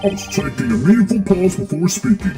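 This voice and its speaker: A woman's voice: mid-range voice, steady tone, a little fast, natural voice. A woman voicing an arrogant, domineering male video game prosecutor who speaks in curt, imperious declarations. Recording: music behind the voice.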